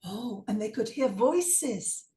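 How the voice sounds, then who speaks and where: A woman storyteller telling a children's tale, animated and sing-song, chanting refrains and dropping to whispers. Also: on the high side, slow pace. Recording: roomy, from a distance.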